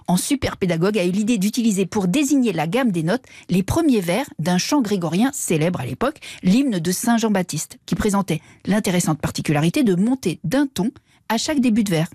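A woman's voice: mid-range voice, lively intonation, fairly quick, mellow, breathy edge, dry recording. A woman explaining word origins as a radio language columnist in a studio, in a playful, self-mocking way. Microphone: studio microphone.

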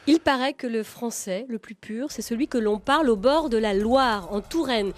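A woman co-hosting a radio talk show, lively, telling an anecdote and reading out questions and teasers. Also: fairly high pitch, normal speed. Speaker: radio co-host.

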